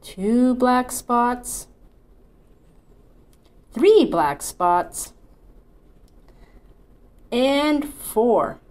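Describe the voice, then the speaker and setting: Leading storytime from her home, a middle-aged children's librarian from Canada uses a Newfoundland accent and a cheerful, sing-song, encouraging style. The pitch is fairly high with lively intonation and a darkish tone, and she speaks very slowly with frequent pauses. The reverberant small indoor room holds her in an armchair, a fixed camera a few feet away.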